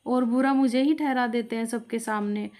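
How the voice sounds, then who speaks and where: A woman's voice: fairly high pitch, steady tone, moderate pace, darkish tone, close to an everyday voice. Woman as a meek, timid young wife. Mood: pleading. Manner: timid, pleading.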